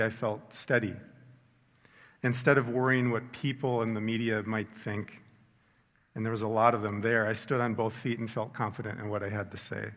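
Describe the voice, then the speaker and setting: In a reverberant hall, an earnest middle-aged man gives a reflective personal faith testimony. His voice is low yet fairly bright in tone, and he speaks sincerely and measuredly, with slow, emphatic pauses.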